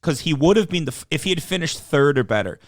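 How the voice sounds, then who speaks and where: An Irish man co-hosting a podcast in casual golf chat, animated, swearing freely and often restarting his sentences. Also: fairly high pitch, quick pace, no echo, studio quality. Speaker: podcast co-host.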